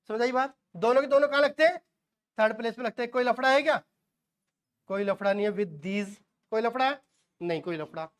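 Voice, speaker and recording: An extremely high, slightly bright voice belongs to a man in his forties lecturing on shorthand. He quizzes his class, supplies the answers himself and adds folksy jokes along the way.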